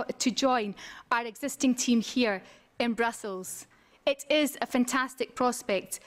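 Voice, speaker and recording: A woman from Scotland delivering an earnest, rhetorical prepared speech as a conference speaker. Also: sits high. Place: conference room.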